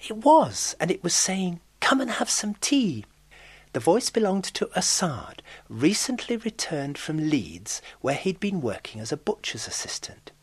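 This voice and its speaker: A middle-aged man from Britain narrates a scripted radio report as a foreign correspondent. His voice is breathy and a little husky, with a lively, swooping melody. He tells the story wryly, as if sharing an aside. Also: on the high side, unhurried, hardly any pauses.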